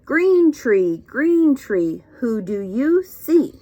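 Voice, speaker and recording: This storytime reader and teacher has a high-sitting voice and reads picture books very slowly to young kids. She's expressive and encouraging in a sing-song way, frequently putting questions to them.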